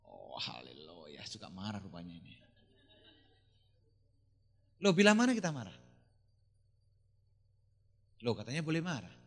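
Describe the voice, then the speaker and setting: A middle-aged man preaching an animated sermon, teasing his congregation and asking them questions. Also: fairly high pitch. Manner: animated, teasing, mixes in Manado dialect phrases and English words. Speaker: pastor. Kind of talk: lively sermon with jokes and audience questions.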